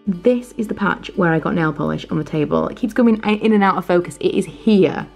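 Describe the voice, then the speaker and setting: A woman's voice: lowish voice, lively intonation, fairly quick, creaky, a little mellow, soft background music. A woman in her thirties with a British accent, chatting casually to camera in a daily vlog, rambling and self-deprecating. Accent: British English. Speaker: vlogger.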